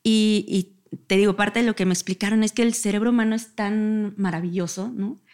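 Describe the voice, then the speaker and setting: Woman, guest, casual reflective talk, mid pitch. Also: steady tone, moderate pace, a little mellow. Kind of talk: casual conversation.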